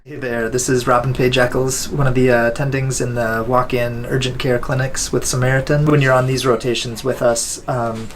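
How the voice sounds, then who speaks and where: A man, an urgent care attending physician, speaking casually with "you know" fillers. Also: mid-range voice.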